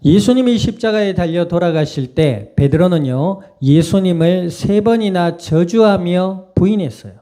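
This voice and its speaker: Warm-voiced pastor. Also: male voice, high-pitched, moderate pace, few pauses. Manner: conversational preaching with rhetorical questions to the congregation. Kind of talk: sermon.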